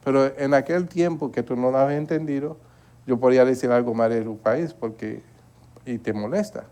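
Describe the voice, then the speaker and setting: In a church Bible study, a Haitian man preaches earnestly in a mid-range, mellow voice at normal speed. He repeats words and often asks the congregation to agree with him.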